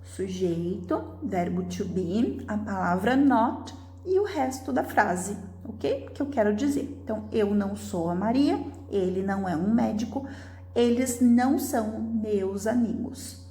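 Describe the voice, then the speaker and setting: A woman, a Portuguese speaker, teaches a beginner English lesson. She reads the example sentences slowly and clearly and often checks in with her viewers. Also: medium pitch, animated, mellow, a little hiss or hum. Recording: roomy, echoey sound.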